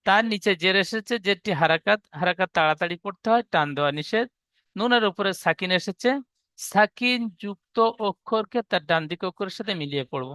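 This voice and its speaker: A man's voice: high-pitched, expressive, fairly quick, pushed and bright, no room sound. A man teaching an online Quran reading class, patiently explaining rules step by step.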